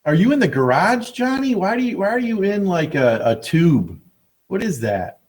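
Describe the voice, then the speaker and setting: A man's voice: high voice, sing-song, normal speed, darkish tone. A male biology teacher teaching an online class by video call, teasing and sarcastic with his students.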